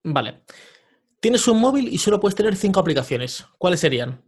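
A man's voice: high voice, sing-song, fairly quick, breathy edge. A man hosting a podcast and asking casual, chatty questions. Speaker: podcast host. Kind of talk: casual interview.

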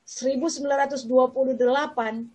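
A woman host with a high voice leads an online panel. She is animated and teasing, with lots of exclamations. Her voice comes through as dull, lo-fi video-call audio. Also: brisk, slightly rough. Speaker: moderator, host. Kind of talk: lively online panel moderation.

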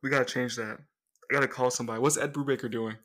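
A man's voice: medium pitch, very fast. A young man co-hosting a casual comics podcast, telling stories with lots of energy. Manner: animated storyteller, does mocking voices. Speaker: podcast co-host.

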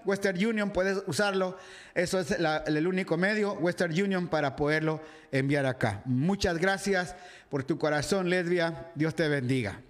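High-voiced animated Ecuadorian pastor. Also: male voice. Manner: animated, acts out the crowd and shouts in the story; reads out viewers' comments and greets them by name. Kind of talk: livestreamed sermon and Bible reading. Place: home, dressed casually for a live video.

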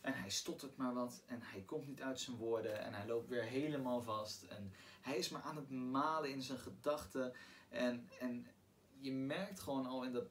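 Male podcast host, mid-pitched, casual plot retelling, halting and repetitive, recorded a bit far from the mic with faint background noise. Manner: halting, often repeats words and restarts.

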